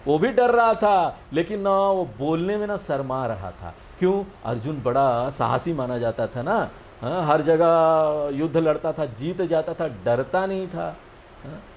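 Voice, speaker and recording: A man giving a scripture lesson. He explains each verse slowly and often checks with his listeners. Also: a little high, lively intonation, highs cut off, a little hiss or hum. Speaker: spiritual teacher.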